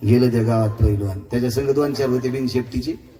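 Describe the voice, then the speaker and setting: A man's voice: medium pitch, steady tone, fast talker, mellow, soft background music. A man, telling funny stories in a devotional kirtan sermon, chuckling as he goes. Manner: joking, chuckling storyteller. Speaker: kirtan preacher. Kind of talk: humorous devotional sermon storytelling. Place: live gathering. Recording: distant mic with crowd noise.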